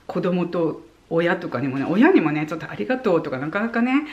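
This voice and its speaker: A woman in her forties from Japan giving friendly advice to her viewers in a casual, chatty way, full of soft fillers and asides. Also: lowish voice, fairly quick, lo-fi sound. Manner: animated, demonstrating points with voice tone. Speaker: vlogger. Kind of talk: casual advice talk to camera.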